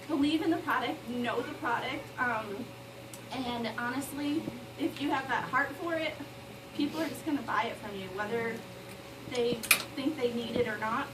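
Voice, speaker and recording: Earnest high-voiced woman from Colorado. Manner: earnest, hesitant, many "um"s. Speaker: speaker sharing her story on stage. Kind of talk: personal testimonial to an audience. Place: indoor meeting room with an audience. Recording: echoey room, distant mic, noisy.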